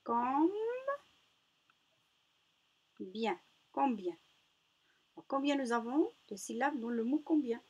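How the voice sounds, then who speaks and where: A woman teaching a reading lesson to young children, slow and patient, praising answers and sounding out each word. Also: fairly high pitch, mellow, breathy edge, lo-fi sound. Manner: patient, encouraging, spells out syllables. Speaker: primary school teacher.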